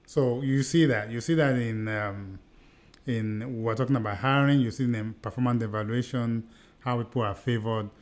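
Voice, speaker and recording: Medium in pitch and normal in speed, this voice belongs to a middle-aged Nigerian man with a Nigerian accent who co-hosts a podcast. In casual discussion he tells stories earnestly, frequently going back over and restarting his words.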